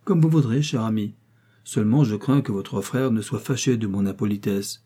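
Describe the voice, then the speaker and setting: A man's voice: fairly low pitch, moderate pace, warm tone, breathy edge. A man voicing a vain young heiress who speaks with affected, falsely modest politeness.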